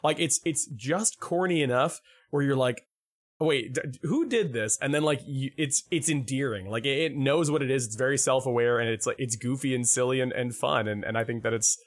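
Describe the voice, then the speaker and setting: A man co-hosting a casual podcast chat, animated, with lots of fillers, often acting out quotes in a high put-on voice. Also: brisk, few pauses. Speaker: podcast co-host.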